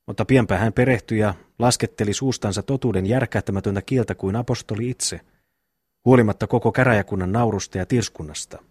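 Boastful, blunt young peasant brother, read by a man, low and husky, dry close sound. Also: a little mellow, no echo. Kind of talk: audiobook reading of a classic novel.

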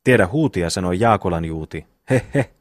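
A man reads out a naive, good-natured brother in a storybook, who talks plainly and with a simple chuckle. The voice is low, and the recording is dry. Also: lively intonation, dry recording. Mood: protesting.

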